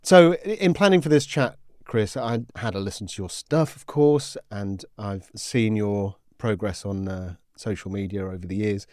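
Man, podcast host, casual chat, fairly low pitch. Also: moderate pace, few pauses, darkish tone, no room sound, clean studio sound. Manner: chatty, reads listener messages aloud.

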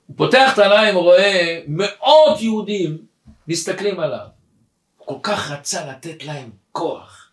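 A man's voice: high voice, echoey room. A man, a rabbi, giving a weekly Torah lesson and telling a story dramatically, acting out its characters. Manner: animated storyteller who acts out the people in his story.

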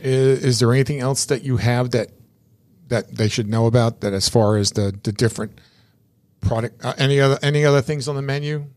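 A chatty man hosting a relaxed interview show. He rambles a little and often repeats words as he starts a sentence. His pitch sits in a middle range. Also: a little fast. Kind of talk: casual interview.

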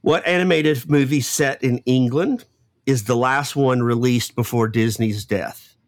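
Hurried dry-sounding quiz-master dad. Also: male voice, mid-range voice, dry recording. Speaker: quiz host. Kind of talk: casual family trivia chat.

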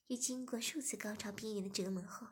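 A woman narrating an erotic audio story in a soft, half-whispered manner. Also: medium pitch, brisk, a little hiss or hum.

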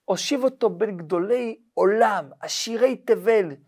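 A man, a rabbi, telling a religious story in a lively, dramatic way, often checking that listeners follow. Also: sits high. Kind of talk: storytelling lesson.

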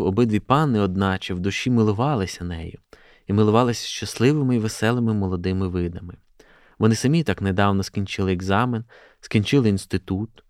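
A man, a journalist, reading a classic prose excerpt aloud in a steady, measured way. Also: fairly low pitch, dry recording, studio quality.

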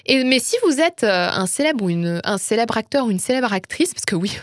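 A woman's voice: a little high, animated, fairly quick, dry recording, clean studio sound. A woman presenting a culture segment in a casual radio chat, talkative, joking at her own expense and laughing often. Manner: chatty, laughs often, self-mocking. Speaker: culture columnist.

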